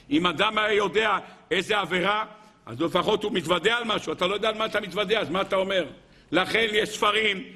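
High gravelly-voiced man preaching. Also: pushed and bright. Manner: rhetorical questions and acted-out dialogue. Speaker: religious lecturer. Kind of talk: sermon to a live audience.

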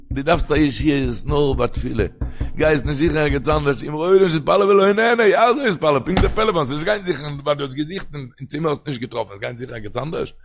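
A man's voice: on the high side, vocal fry. A man giving a traditional religious lecture in an emphatic manner, often slipping into a sing-song chant. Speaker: religious teacher.

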